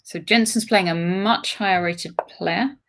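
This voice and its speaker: An English woman co-commentating live online chess, briskly moving the talk from game to game. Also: medium pitch, a bit bright.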